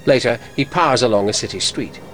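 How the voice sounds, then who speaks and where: A man narrating an audio description in a measured, neutral manner. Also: medium pitch, over loud music. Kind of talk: scripted narration.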